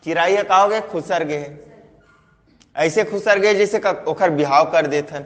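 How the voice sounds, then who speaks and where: Male teacher, Chhattisgarhi accent, higher voice, quizzing and chanting, long reverb on the recording. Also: a little slow. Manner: call-and-response questions, chanting repeated words. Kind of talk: online class mnemonic lesson.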